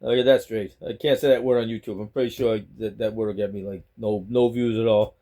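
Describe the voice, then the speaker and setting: Rambling and repetitive, a middle-aged man with a Boston accent vlogs casually at home, talking to a phone on a selfie stick. His voice is lowish and mellow, with fairly even intonation and a slightly fast pace.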